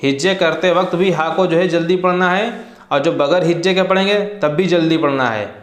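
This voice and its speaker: A man teaching Quran reading, spelling out letters syllable by syllable in a slow, drawn-out chant and then explaining the rules in quicker plain talk. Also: on the high side, steady tone, roomy sound. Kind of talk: slow syllable-by-syllable recitation lesson.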